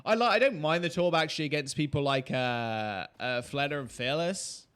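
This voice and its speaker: A man casually breaking down a game replay, reacting loudly and swearing often as the plays unfold. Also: fairly high pitch, normal speed, smooth. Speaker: esports streamer and analyst.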